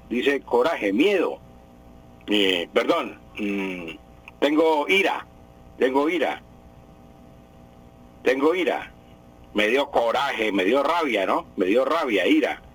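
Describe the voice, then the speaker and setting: Radio language expert, husky voice, patient and repetitive explainer, broadcast sound. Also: male voice, mid-range voice, a bit bright, low-quality recording. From Colombia. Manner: explanatory, repeats key words. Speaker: language expert answering listener questions. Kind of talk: radio Q&A segment.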